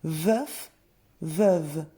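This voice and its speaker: Woman teacher for a grammar lesson: slow, careful delivery, very warm dark tone. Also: low-pitched. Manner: slow, careful, clearly spelled-out word examples. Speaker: French teacher. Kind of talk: scripted lesson narration.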